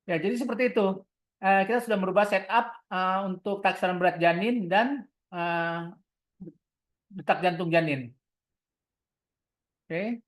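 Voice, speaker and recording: An unhurried woman with a mid-range voice and frequent pauses, speaking with an Indonesian accent, leads an online equipment tutorial step by step. She is a product trainer giving a software tutorial, often asking questions and answering them herself instructionally.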